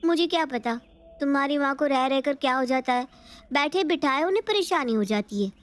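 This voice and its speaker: A young daughter-in-law in a cartoon story, voiced by a woman with a high, girlish pitch. She talks sweetly and earnestly and is eager to please. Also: animated, fairly quick.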